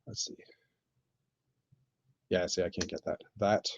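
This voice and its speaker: A man chatting casually on a live stream while building, thinking aloud with many pauses and fillers. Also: sits low, fairly even intonation, vocal fry, no room sound. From Canada. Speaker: streamer building with toy bricks. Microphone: computer mic on live stream. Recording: dull lo-fi stream audio.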